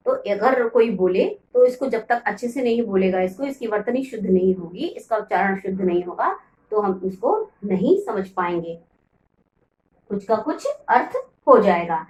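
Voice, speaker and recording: A woman teacher explaining a lesson to children slowly, repeating each key word. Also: mid-range voice, a little mellow. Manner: slow, repeats key words for pupils. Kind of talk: classroom lesson. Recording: echoey room, voice from far off.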